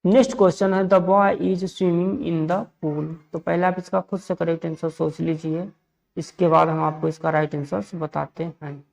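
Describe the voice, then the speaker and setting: Gravelly Indian man teaching grammar. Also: on the high side, level tone, a little mellow. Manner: repeats set phrases, asks and answers own questions; reads example sentences slowly. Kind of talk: exam-prep grammar lesson.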